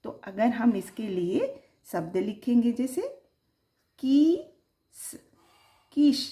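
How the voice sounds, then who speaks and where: A woman teaching young children, sounding out syllables slowly and lifting her voice on each example word. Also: mid-range voice, mellow. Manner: slow, drawn-out, sounding out syllables; sing-song, rising on the example words. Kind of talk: children's Hindi lesson.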